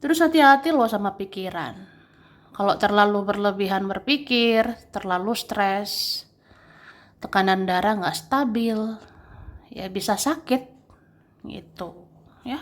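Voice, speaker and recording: Woman tarot reader, casual advice talk, slow delivery, gentle and chatty with small laughs. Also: mid-range voice. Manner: chatty, gently advising, tags sentences with "ya"; laughs between phrases.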